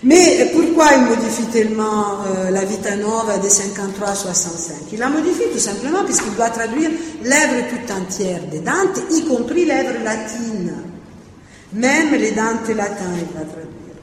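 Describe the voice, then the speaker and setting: A woman's voice: fairly high pitch, lively intonation, unhurried. Woman lecturing in a very echoey hall. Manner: hesitant, many fillers and restarts. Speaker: lecturer on translation. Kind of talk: academic lecture. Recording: very echoey hall, faint noise.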